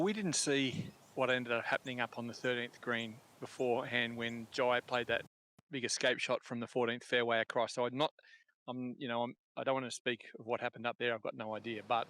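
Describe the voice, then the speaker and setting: A man's voice: medium pitch, a bit bright, a little hiss or hum, rough recording. A man giving live, conversational golf commentary in blunt, colourful turns of phrase.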